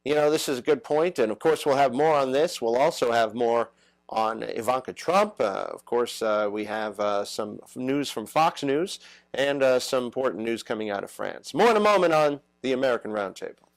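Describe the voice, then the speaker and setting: Hosting a political talk show, this man has a mid-range voice and a halting delivery packed with "uh" fillers. His recording is close and dry, without echo, but rough overall.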